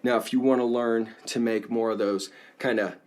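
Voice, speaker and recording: A man teaching a casual singing lesson, explaining in a relaxed way and often checking in with the viewer. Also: medium pitch, moderate pace.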